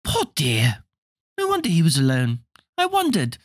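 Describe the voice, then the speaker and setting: A woman's voice: deep voice, wildly swooping pitch, normal speed, dry recording, clean studio sound, voice pushed up, exaggerated voice. A man reading a storybook aloud, voicing a fussing, stern mother in a raised, shifted voice.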